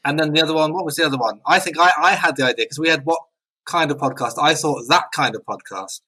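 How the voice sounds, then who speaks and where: Male co-host, wry asides, a bit higher pitched, bright voice. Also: quick pace, husky, low-quality recording. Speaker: podcast co-host. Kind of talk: casual chat.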